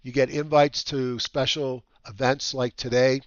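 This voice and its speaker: A man with a whistling nose hosting a market update as a trading educator, talking casually and haltingly with rambling asides. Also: medium pitch, little pitch movement, no echo. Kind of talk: casual semi-scripted market commentary. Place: dry room at home. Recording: slightly dull, lo-fi dry recording.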